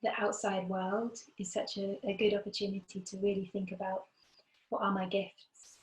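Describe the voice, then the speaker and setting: A woman with a mid-pitched voice leads a meditation in a gentle, soothing spiritual-guide manner. Her delivery is unhurried and stays very level in pitch. The recording is roomy, with clear echo around the voice. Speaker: meditation teacher. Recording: roomy, echoing sound.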